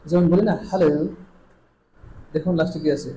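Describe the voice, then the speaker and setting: A Bangladeshi man teaching English pronunciation online, stretching out each sound in slow drills and moving between Bengali and English. His voice sits a little high for a man, yet it has a soft, mellow tone. A faint hiss runs under the recording. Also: fairly even intonation, low-quality recording.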